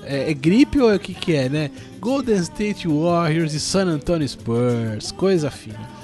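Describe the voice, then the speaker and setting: This sports podcast host speaks São Paulo Brazilian Portuguese at a measured pace, his voice a little high and darkish with lively intonation, while faint music runs behind. He has the flu and sounds congested from a cold, rambling casually through sports news in a self-deprecating, slangy style.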